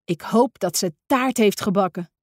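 A woman's voice: medium pitch, moderate pace, dry recording, studio quality, close to an everyday voice. A woman voicing a cheerful, eager male friend in a children's story, with a chatty manner.

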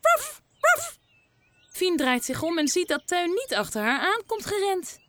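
Woman, children's story narrator, high lively voice, unhurried.

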